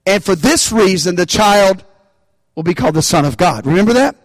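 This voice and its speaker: Guy preaching, high voice, dry close sound, keeps asking the crowd to say amen. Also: animated, normal speed, no room sound, poor audio. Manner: call-and-response preaching, bursts of emphasis. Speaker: pastor. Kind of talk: sermon.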